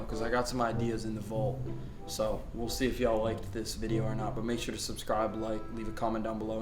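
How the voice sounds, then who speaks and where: A man in his early twenties with an American accent, chatting in casual, slangy vlog style as the host. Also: on the low side. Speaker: YouTube prank host. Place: inside a car, later outdoors. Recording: echoey car and street, background music.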